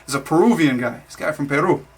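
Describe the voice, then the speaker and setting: A man's voice: fairly high pitch, fast, husky. A man from Florida telling his own life story in a casual, rambling way, full of fillers and restarts. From Florida, USA. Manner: rambling, many fillers and restarts, laughs at himself.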